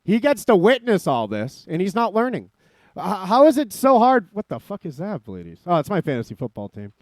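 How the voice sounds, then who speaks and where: A male stream host rambles on to his chat in a high, lively voice that swoops up and down. He swears freely and jumps from topic to topic. The sound is dry and close. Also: brisk, dry recording. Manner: profane, rambling, addresses chat as ladies. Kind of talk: casual live-stream commentary.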